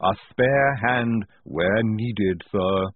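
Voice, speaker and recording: A man voicing a calm young woman field surgeon who speaks with a lisp, politely and matter-of-factly, over tinny phone-like audio. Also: on the low side, drawn-out words, no room sound.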